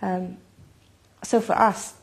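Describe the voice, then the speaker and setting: Sitting indoors in her home kitchen, an Icelandic mother in her thirties, a native speaker, recounts her family's story in a personal interview. Her mid-range voice is gravelly and steady, and she speaks slowly.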